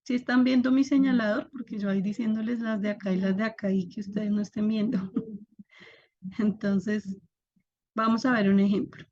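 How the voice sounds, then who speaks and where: A woman's voice: medium pitch, fairly even intonation, moderate pace, darkish tone, dull audio. A young woman teaching an online class, patiently explaining step by step and asking her students to react.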